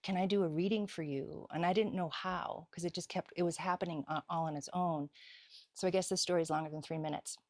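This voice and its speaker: A middle-aged woman with a lowish voice, a healer and psychic medium, tells a story during a casual interview. She's animated, laughs often, and acts out the quoted dialogue, all captured in clean studio sound with no room noise.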